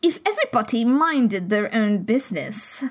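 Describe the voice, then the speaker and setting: A woman reading a storybook voices a rude, short-tempered noblewoman with a hoarse, growling manner. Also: a little high, sing-song, normal speed. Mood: gruff. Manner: blunt and curt.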